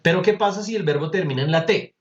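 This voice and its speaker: A man's voice: fairly high pitch, fast. A man teaches pronunciation over a video call, patient and chatty. He repeats words to drill them. His sound is roomy and slightly dull. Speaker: English teacher. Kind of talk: online class explaining pronunciation. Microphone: computer mic on a video call.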